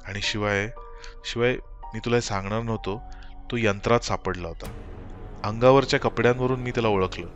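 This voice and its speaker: A worn-out old father with a hoarse, shaky voice, speaking low and haltingly, as a male narrator voices him. The voice stays deep and subdued, and faint music sits underneath. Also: fairly even intonation, highs cut off, close to an everyday voice. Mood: hesitant. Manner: trembling, hesitant. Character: weary frightened old father, hoarse and pleading. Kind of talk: audiobook character voice.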